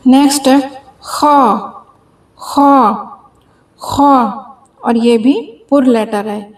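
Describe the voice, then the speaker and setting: A woman with a high voice teaches a beginners' reading lesson at a very slow pace. She draws out each letter sound and repeats it three times. Between the sounds she gives patient, careful explanations. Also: darkish tone.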